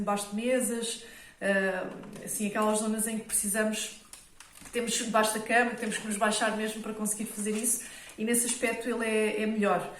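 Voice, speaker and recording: A woman with a European Portuguese accent who talks casually to her viewers and often checks in with them while showing household products. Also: on the high side. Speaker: home organisation vlogger. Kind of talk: casual product talk to camera. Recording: roomy echo, mic at a distance, faint noise.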